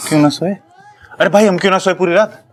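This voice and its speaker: A man's voice: high voice, fast talker, slight background noise, natural voice. A man playing a joking middle brother. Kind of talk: TV serial acting. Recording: music playing behind.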